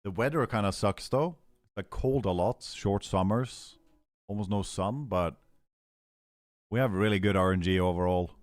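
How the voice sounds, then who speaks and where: A man's voice: lowish voice, moderate pace, no room sound. A man with a Norwegian accent, chatting casually on a game stream in a laid-back, profane way full of gamer slang. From Norway.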